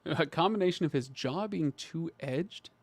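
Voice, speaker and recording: A man's voice: a little high, a little slow, no echo. A man hosting a casual livestream chat, talking in hesitant bursts with many restarts and reading out viewer comments. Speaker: livestream host.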